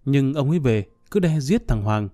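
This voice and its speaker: A man's voice: medium pitch, expressive, moderate pace, warm tone, no echo, studio quality, lightly acted. A man voicing a frightened young wife who pleads anxiously in a storybook reading. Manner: worried, pleading.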